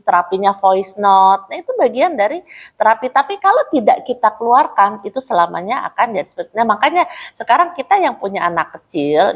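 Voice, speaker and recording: A woman giving a casual teaching talk to a women's study group in a prayer room, chatty and addressing her listeners directly. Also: medium pitch. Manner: chatty, addresses listeners as "Bu", acts out quoted mothers.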